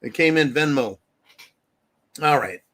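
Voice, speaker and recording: High-voiced man ranting on a livestream. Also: expressive, measured pace, fairly bright tone. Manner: blunt, profane ranting, acts out quoted voices. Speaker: livestream host. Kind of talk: casual live-stream commentary.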